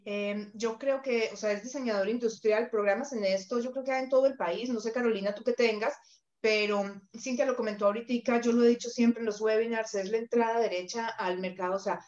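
A woman's voice: fairly high pitch, fairly even intonation, fairly quick, a little mellow. A woman from Colombia with a Colombian accent, hosting as an immigration consultant and thinking aloud as she talks. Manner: thinks aloud, searches for words. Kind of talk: casual chat. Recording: roomy, dull call audio.

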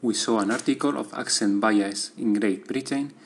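A man, a student, reading out a prepared class diary in a steady, methodical way. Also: on the low side, normal speed, a little hiss or hum.

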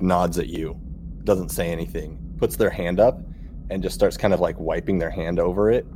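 Low-voiced male game master. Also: noisy background. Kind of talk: narrating a tabletop game. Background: music.

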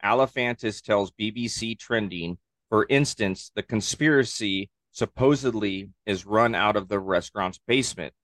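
A man's voice: fairly low pitch, normal speed, a bit bright, no room sound. An easygoing man from Southern California co-hosting a podcast, chatting casually with slang and swearing. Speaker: podcast co-host. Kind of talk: casual chat.

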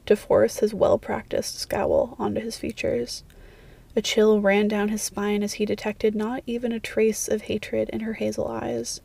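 A woman reading a fan fiction story aloud as narrator in a steady, even way. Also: medium pitch, vocal fry, dry recording.

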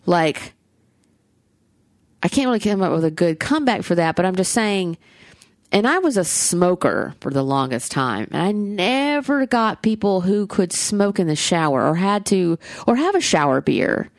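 Southern woman co-host, gravelly low voice, rambling, dry close mic. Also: sing-song, moderate pace, no echo. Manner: rambling, swears casually, many fillers. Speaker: podcast co-host. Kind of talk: casual podcast chat.

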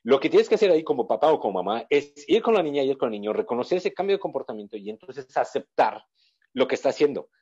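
A man's voice: medium pitch, sing-song, fast talker, warm tone, husky. A man speaking as a guest expert, explaining at length with hesitant restarts and acting out short quotes of children and parents. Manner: hesitant restarts with filler words. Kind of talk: explanatory interview talk. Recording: slightly dull lo-fi audio.

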